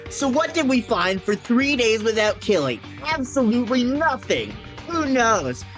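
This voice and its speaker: A man voicing a hostile, cynical young student from an anime game in a loud, sneering, confrontational way. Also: very high-pitched, very animated, unhurried, soft background music, pitched above the performer's own voice, heavily acted. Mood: angry, sneering.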